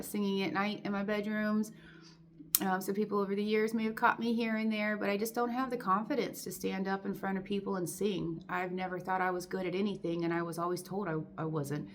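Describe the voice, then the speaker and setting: A woman's voice: medium pitch, flat delivery, a little fast, a little hiss or hum. A woman in her forties talking straight to the camera in a candid, emotional and defiant vlog, full of fillers and restarts. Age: 40s. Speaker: vlogger.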